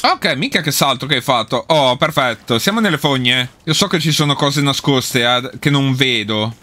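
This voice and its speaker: A man's voice: mid-range voice, animated, moderate pace, sharp tone. A man giving casual let's play commentary, swearing and talking back at the enemies he fights. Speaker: gameplay streamer.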